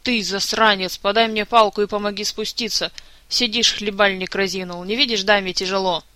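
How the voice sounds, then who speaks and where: Picture an injured man, hoarse and furious, hurling one curse after another at whoever is nearest, as a reader acts him out. The voice is bright and loud, recorded dry and close. It belongs to a storybook reading. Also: high-pitched, steady tone, moderate pace, dry recording. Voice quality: slightly hoarse, shouting curses. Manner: ranting, insulting, swearing. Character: furious wounded man, foul-mouthed and grumpy.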